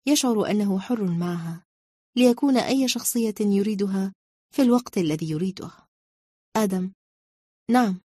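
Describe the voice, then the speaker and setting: Warm, husky woman storyteller. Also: mid-range voice, fairly quick, dry recording, studio quality. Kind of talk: story narration.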